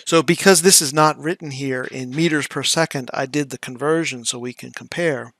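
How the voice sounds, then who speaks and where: A middle-aged man giving a casual explanatory lesson, presenting like a teacher and halting now and then as he thinks aloud. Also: medium pitch, a bit bright, dry recording. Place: small indoor room.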